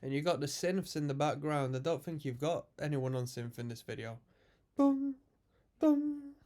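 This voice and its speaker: Very animated and a little high-pitched, this mellow-voiced man moves at a moderate pace as he reacts to a metal song. He's a music reaction host with a cold-induced stuffiness, chatting and musing about the guitar and synth work while explaining music terms.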